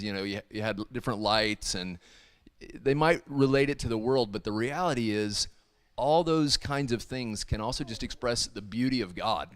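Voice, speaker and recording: On a casual livestream, a man who leads worship and acts in ministry videos talks in an earnest, rambling way with plenty of restarts. His fairly low voice has a slightly bright quality, with no room sound. His first language isn't Hebrew.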